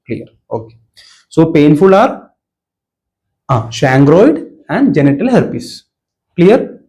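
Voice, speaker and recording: A man's voice: high voice, warm tone, rough recording. A man with a Malayali Indian accent, a native Malayalam speaker, teaching an informal exam-revision lecture, emphatically repeating key words and checking for understanding. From Kerala, India. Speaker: medical exam coaching teacher.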